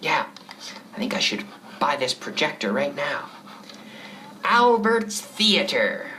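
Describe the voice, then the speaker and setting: A woman voicing an excited man buying a projector for his home, in a role-play for an English lesson, eager and repetitive. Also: very deep voice, unhurried, slight background noise, voice pushed down, heavily acted.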